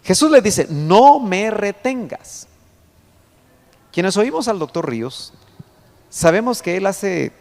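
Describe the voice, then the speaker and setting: A male pastor teaching a Bible study sermon, explaining verses slowly, pointing at a chart and reading scripture aloud with rising emphasis. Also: fairly high pitch. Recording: long hall reverb.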